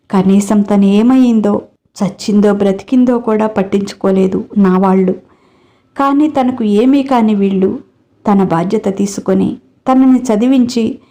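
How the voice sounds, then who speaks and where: A woman narrating a family story in a steady, expressive reading voice. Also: mid-range voice.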